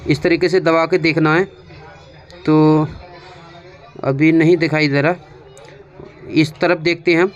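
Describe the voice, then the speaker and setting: This Indian-accented technician speaks in a fairly high voice with little pitch movement, unhurried and with long pauses, while narrating a hands-on repair tutorial. He explains conversationally, step by step, often repeating himself, on a muffled recording with clearly noisy surroundings.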